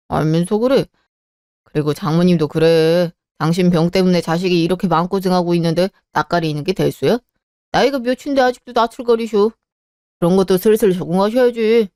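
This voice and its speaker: A woman's voice: on the low side, darkish tone, clear, resonant tone, no room sound, clean studio sound, close to an everyday voice. Woman voicing a cold, curt husband. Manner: curt, harsh refusals. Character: cold, dismissive husband, man. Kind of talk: radio drama acting.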